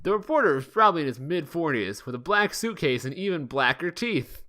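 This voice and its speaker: Very animated and a little fast, this man's slightly high, bright, forceful voice carries his podcast reading of fan fiction. He treats it as casual comedy, frequently laughing and tripping over the odd word.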